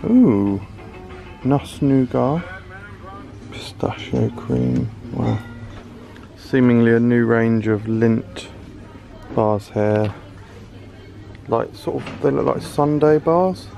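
Walking the big indoor aisles of a supermarket, a male UK food vlogger chats curiously about the products on the shelves as casual running commentary on his shopping trip. He has a medium-pitched, gravelly, dark-toned voice, speaking slowly and pausing often. Soft music plays in the background.

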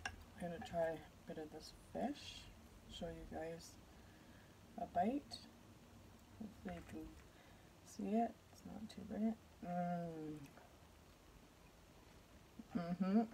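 A woman's voice: fairly low pitch, slow pace, long pauses, dark tone, slight background noise. A woman from Canada hosting a casual eating vlog at home, chatty and nervous, laughing between bites. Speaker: mukbang YouTuber.

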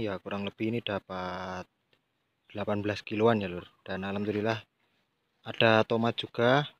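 A man's voice: fairly low pitch, muffled recording. A man, a chili farmer giving a casual tutorial vlog outdoors in his field and chatting to viewers with a friendly filler word. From Central Java, Indonesia. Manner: chatty, addresses viewers as "Lur" often.

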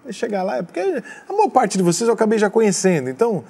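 A man hosts an interview and tells stories in an animated, profane way. His voice is husky and slightly high for a man. He talks at a rapid clip. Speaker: interview host. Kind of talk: casual interview talk.

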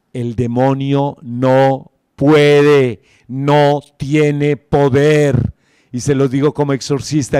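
Casting: male priest, fairly high voice, unhurried and emphatic sermon, close and dry. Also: a little mellow, no echo. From Colombia. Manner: emphatic, repeats key phrases.

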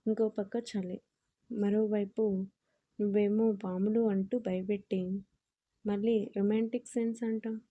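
A woman's voice: medium pitch, flat delivery, normal speed, long pauses, warm tone, lightly acted. A woman voicing an anxious young female student in an audio story, her speech pleading and nervous. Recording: dull lo-fi audio.

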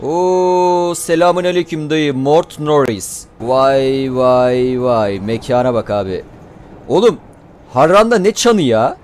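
A man doing excitable let's-play commentary, swearing and shouting at the enemies as he plays. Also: medium pitch, takes it slowly. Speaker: gaming YouTuber.

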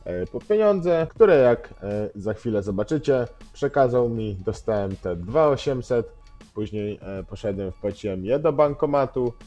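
A man's voice: fairly low pitch, dark tone. A man narrating his role-play gameplay in a casual, slangy voice-over full of fillers. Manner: chatty, filler-heavy, slangy. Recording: faint music underneath.

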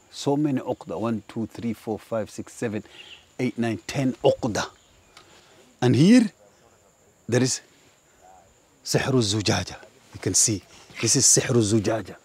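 A man in his thirties, a ruqya practitioner, walking through woodland and emphatically pointing things out, with a husky voice. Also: mid-range voice, a little mellow. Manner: emphatic, pointing things out, mixes in Arabic terms. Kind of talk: guided outdoor walkthrough. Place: outdoors in woodland by a large tree.

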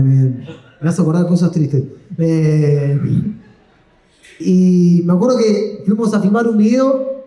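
An Argentine stand-up comedian with a high-pitched, mellow voice and an Argentine Spanish accent tells rambling stories on a comedy stage. His style is slangy and self-deprecating, and the live room is echoey.

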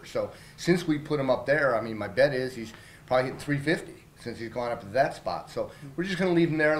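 A middle-aged man talks through a post-game press interview, loose and candid, with plenty of fillers and false starts. His voice sits at an ordinary middle pitch. Reporters' handheld mics are close to him in a small room with a faint hum underneath. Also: poor audio. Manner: candid, conversational, many fillers and restarts. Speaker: baseball team manager. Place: small press room in front of a logo backdrop. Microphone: several handheld reporter mics held up close.

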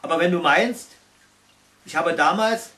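A man's voice: on the high side, unhurried, bright, forceful tone, far from the mic. A man voicing a grumbling male troll in a storybook reading.

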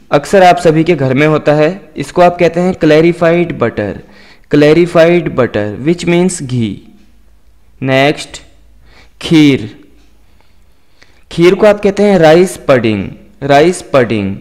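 A man teaching English words in a video lecture, spelling each one letter by letter and repeating it slowly. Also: fairly high pitch, darkish tone.

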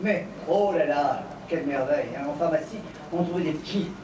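A man's voice: a little high, moderate pace, crowd noise. Fields: Sex: man. Style: camp drag cabaret comedy. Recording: echoey, far off. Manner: camp, bawdy, theatrical. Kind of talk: stage comedy sketch. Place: cabaret stage. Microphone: stand mic, filmed from afar. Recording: echoey far-off home video of a stage.

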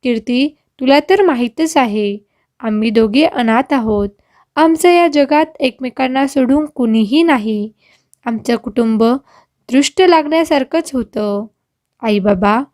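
A woman voicing a calm, patient young husband who speaks soothingly. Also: high-pitched, takes it slowly, no echo, clean studio sound. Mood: somber.

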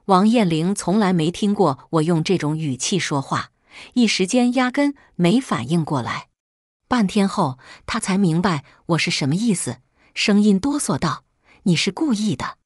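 A woman's voice: lowish voice, lively intonation, moderate pace, a little mellow, dry recording, studio quality. A woman reading a first-person story aloud in a cool, sardonic storytelling manner. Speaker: narrator.

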